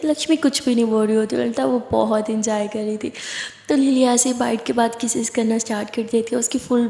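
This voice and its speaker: Woman telling a story casually, kinda high voice, roomy echo with long reverb. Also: gravelly, mellow. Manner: chatty, conversational, with fillers.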